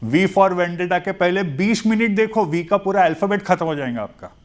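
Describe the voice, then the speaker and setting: A male teacher with an Indian accent gives a chatty, jokey classroom lecture in a classroom, switching between Hindi and English and slowing down to dictate English phrases. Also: high voice, lively intonation.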